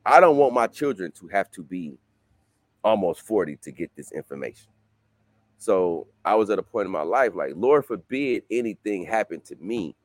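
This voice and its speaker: A man in his late thirties, a guest author talking casually in an interview, loose and repetitive, jumping into excited bursts. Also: deep voice, normal speed, dry recording. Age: 30s. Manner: loose, repetitive, rising to excited bursts when quoting himself.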